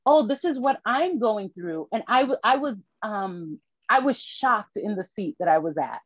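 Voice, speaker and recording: A woman from Haiti, a podcast guest, telling her personal story in a reflective, candid way with halting restarts. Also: mid-range voice, expressive, no room sound, highs cut off. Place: New York.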